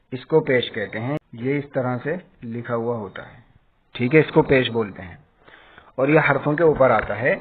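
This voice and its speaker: A man giving an online reading lesson, patient and explanatory, who keeps checking in with his students and slows down to drill each sound. His voice comes through thin and phone-like. A faint hiss sits behind it. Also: medium pitch. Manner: slow, emphatic recitation drill of letter sounds. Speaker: Quran reading teacher. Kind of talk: online lesson explaining letters and vowel marks.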